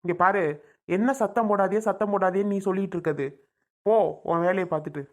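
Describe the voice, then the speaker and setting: A woman's voice: medium pitch, quick pace, close to an everyday voice. A woman playing a domineering village husband who scolds harshly, in a homemade comedy skit. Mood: angry.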